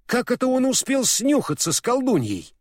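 A man voicing an excitable, astonished fairy-tale townsman in an audiobook. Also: extremely high pitch, moderate pace, no echo, studio quality, voice pushed up, full character voice. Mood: amazed. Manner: exclaims in surprise. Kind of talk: audiobook character voice.

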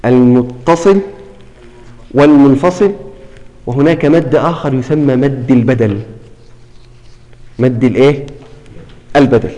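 A man teaching a classroom lesson on Quran recitation. He keeps asking his students questions, repeats the key terms, and draws out words slowly when he demonstrates them. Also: medium pitch, warm tone, big-room sound, highs cut off, soft background music.

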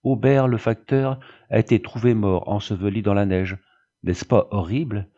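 A man's voice: lowish voice, fairly even intonation, normal speed, mellow, muffled recording, natural voice. Man reading as an agitated young wife. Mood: distressed. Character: young wife and mother, frightened and indignant.

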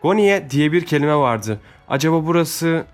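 A man voicing a gentle, newly married young noblewoman who asks eager, emotional questions, in a Turkish storybook reading. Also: sits low, expressive, moderate pace, faint music behind, voice pushed up. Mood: excited.

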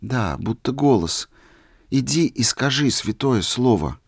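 A man's voice: mid-range voice, expressive, unhurried, gravelly, no echo, clean studio sound. A man voicing a meek holy fool. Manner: quiet, simple, humble telling. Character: meek young holy fool, gentle and shy.

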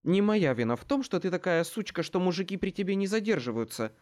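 A cocky, sneering younger sister talks back in a raised, lively voice, as a man reading a storybook puts her on. She sounds proud, spoiled and out to provoke. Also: sits high, quick pace, pitched above the performer's own voice. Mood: defiant. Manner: defiant, insulting.

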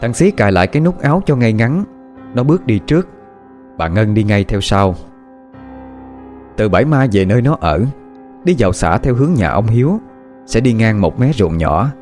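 A man narrating a horror story with expressive, dramatic pacing. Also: fairly low pitch, moderate pace, pauses often. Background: faint music.

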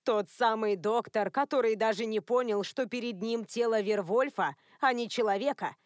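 A woman voicing a prim, controlling elderly woman who is a werewolf grandmother, lecturing in a cold, even tone. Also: medium pitch, measured pace, no echo, studio quality, lightly acted. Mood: stern.

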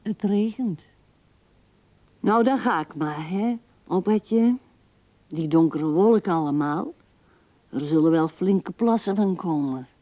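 In a radio drama, an actress plays an old widow who muses tenderly and haltingly at her husband's grave, chatty yet resigned. Her soft, fairly low voice is animated but often sinks to a hush. The dull old radio recording has no room sound.

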